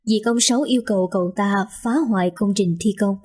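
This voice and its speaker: A woman narrating a drama story in a steady storytelling manner. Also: mid-range voice, brisk, slightly rough. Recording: faint background music. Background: faint music.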